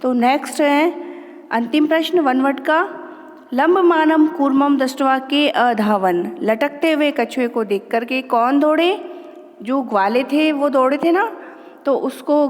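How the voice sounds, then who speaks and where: A woman teacher giving an online lesson to children, patiently drilling words slowly and explaining in a mix of Hindi and English. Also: sits high, big-room sound. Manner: slow, careful word-by-word pronunciation drills.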